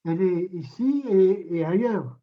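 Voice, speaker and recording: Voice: mid-range voice, animated, unhurried. Student's remark, dull muffled sound. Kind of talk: remark in a class.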